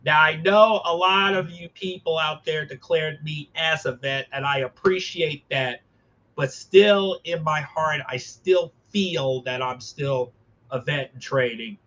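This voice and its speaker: A man talking earnestly as a podcast host, emphatic and halting, often repeating his phrases. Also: on the high side, bright, forceful tone, highs cut off. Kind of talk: earnest conversational talk.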